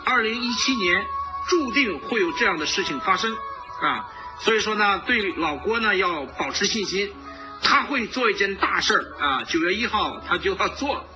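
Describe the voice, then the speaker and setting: A man's voice: high voice, lively intonation, normal speed, music in the background, rough recording. A man giving informal political commentary as a host, emphatic and repeating his phrases.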